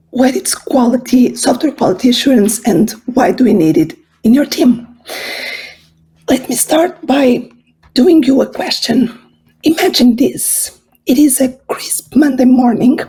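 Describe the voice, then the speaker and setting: A hoarse, husky woman gives an earnest conference talk, telling it like a story. Her voice sits high but has a mellow, soft tone. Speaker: conference speaker.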